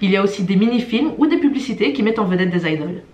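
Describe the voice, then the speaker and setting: A woman's voice: medium pitch, animated, very fast, darkish tone, roomy sound, muffled recording. A woman co-hosting a travel vlog, presenting tips in a lightly scripted, casual way. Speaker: travel vlogger. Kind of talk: casual guide talk with a co-host.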